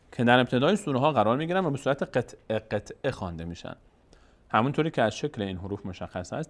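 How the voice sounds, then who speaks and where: Man teaching Quran reading slowly. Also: medium pitch. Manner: explains patiently, asks questions and answers them himself; draws out sounds slowly when demonstrating. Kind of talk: step-by-step recorded lesson.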